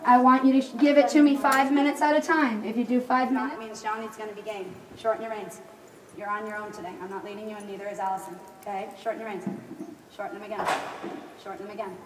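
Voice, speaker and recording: A woman riding instructor coaching a live lesson with brisk, projected commands, firm and instructive, often checking understanding with questions. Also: medium pitch, fairly even intonation. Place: large echoey riding arena. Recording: echoey hall, distant mic, background noise.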